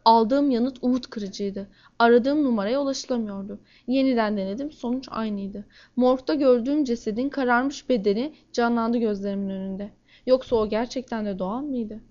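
A woman reading a first-person crime novel aloud in a steady, measured way. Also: a little high, muffled recording. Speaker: audiobook narrator.

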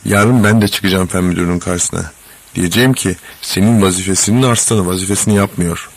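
Storybook: male reader doing a mocking, reproachful coworker; low and husky. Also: fairly quick, no echo. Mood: scornful. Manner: sarcastic, reproachful.

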